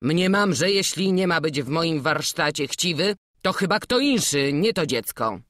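A woman's voice: low-pitched, expressive, moderate pace, fairly bright tone, no echo, clean studio sound. A woman reading an audiobook, voicing a stern, fatherly old master woodcarver with commanding, archaic speech. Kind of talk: audiobook character voice.

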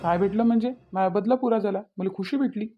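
A smug, spiteful young man who gloats over his revenge, speaking in a Vidarbha Marathi accent, voiced by a woman. His voice sits at a middling pitch. The recording sounds slightly dull and lo-fi. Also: fast, faint music behind, lightly acted. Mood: gloating. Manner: taunting, smug.

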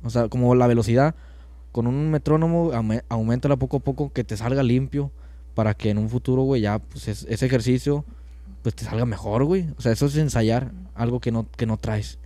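A man with a Mexican accent, an accordion musician chatting casually on a podcast in relaxed slang. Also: mid-range voice, a little fast, dry recording. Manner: slangy, relaxed, drops güey constantly.

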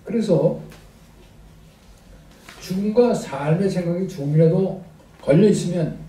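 Slow, halting male lecturer, dark voice. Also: on the high side. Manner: slow and halting, many fillers; reads from handout pages. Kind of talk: academic philosophy lecture. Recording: echoey room, distant mic, faint noise.

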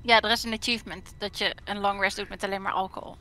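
A woman's voice: medium pitch, fairly even intonation, fast talker, pushed and bright. A woman chatting casually and upbeat while playing a game with friends. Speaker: gamer. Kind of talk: casual gameplay chat.

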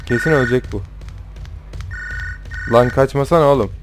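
A young man talks over his gameplay from a home setup, loud, rowdy and swearing at the characters on screen. His voice sits at an ordinary middle pitch for a man. Faint music plays underneath. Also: normal speed. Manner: rowdy, swearing, trash-talking the game characters. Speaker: gameplay commentator. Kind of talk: casual let's-play commentary.

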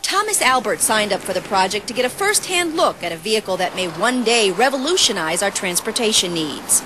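A woman TV reporter reading a scripted news feature voice-over in a polished, even delivery. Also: medium pitch, a little fast, background noise. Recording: voice-over with music bed.

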